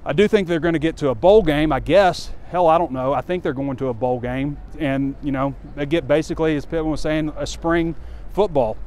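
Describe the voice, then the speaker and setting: Walking outside on a campus street near a stadium, a sports site publisher rants casually, candid and rambling with fillers. His voice is a little high and a little mellow, brisk with few pauses. He holds a phone camera close as he walks, and faint street noise is audible.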